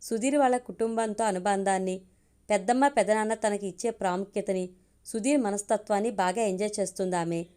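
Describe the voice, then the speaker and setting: A woman storyteller reading a romantic family story aloud, in steady narration. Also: mid-range voice, a little fast, smooth. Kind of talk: scripted audio story narration.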